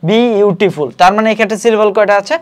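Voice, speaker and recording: ধীরে ধীরে সিলেবল ভেঙে বোঝানো শিক্ষক. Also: male voice, high voice. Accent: Bangladeshi Bengali. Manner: explanatory, repeats checking phrases, spells out syllables slowly. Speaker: admission coaching tutor. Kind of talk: online grammar lesson.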